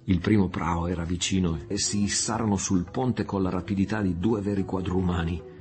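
A man narrating an adventure audiobook with a steady storytelling delivery. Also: low voice, normal speed. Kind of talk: scripted narration. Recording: faint music underneath.

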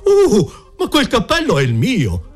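A man voicing a fussy, indignant gentleman outraged over his ruined hat. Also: very high voice, wildly swooping pitch, a little slow, soft background music, pitched above the performer's own voice, heavily acted.

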